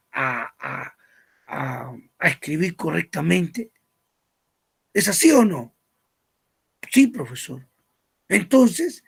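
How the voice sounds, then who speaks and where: A man's voice: a little high, vocal fry, slightly rough. A man teaching a language class, asking questions and then answering them himself, with a firm stress on the key terms. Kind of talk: classroom lecture.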